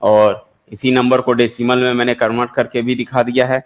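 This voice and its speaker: A male maths teacher walks through number systems at a steady, middle pitch. He keeps quizzing his students and answers each question himself. His delivery is a plain, patient classroom lecture. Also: moderate pace, lo-fi sound. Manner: explains step by step, quizzing students with repeated questions. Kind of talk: classroom lecture for exam prep.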